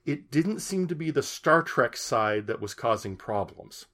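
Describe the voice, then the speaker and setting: A man's voice: medium pitch, lively intonation, unhurried, fairly bright tone. A man chatting casually on a podcast, telling a story in a rambling way with many restarts and amused asides.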